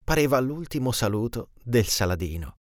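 A man reading a classic tale aloud with an expressive storytelling delivery. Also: medium pitch, moderate pace, no room sound, clean studio sound.

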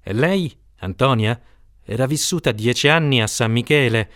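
A man's voice: medium pitch, moderate pace, a bit bright, dry recording, studio quality. Man reading an audiobook. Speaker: narrator. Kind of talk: audiobook narration.

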